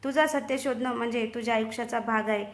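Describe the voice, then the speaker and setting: A woman's voice: on the high side, steady tone, quick pace, close to an everyday voice. Woman reading as an earnest loyal young man. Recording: roomy echo.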